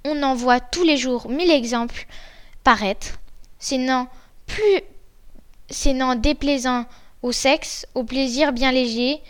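Woman storyteller, high voice, measured soft reading, fairy tale. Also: smooth.

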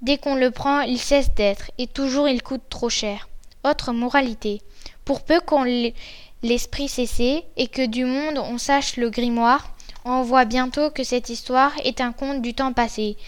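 A woman's voice: high-pitched, steady tone, measured pace, clean tone. Woman reading a fairy tale aloud. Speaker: storyteller.

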